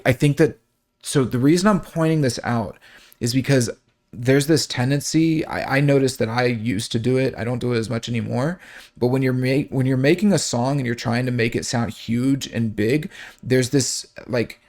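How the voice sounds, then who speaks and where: Man, song breakdown host, casual explanation, mid pitch, fillers and restarts, hums sounds. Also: darkish tone. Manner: thinking aloud with many fillers and restarts.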